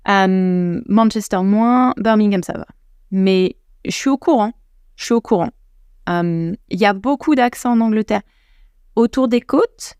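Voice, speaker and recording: A woman's voice: medium pitch, a little mellow, dry recording, studio quality. A French woman hosting a podcast, giving casual advice to the listener in a chatty way, full of restarts. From France. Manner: chatty, addresses listener directly, many restarts. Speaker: podcast host, English coach.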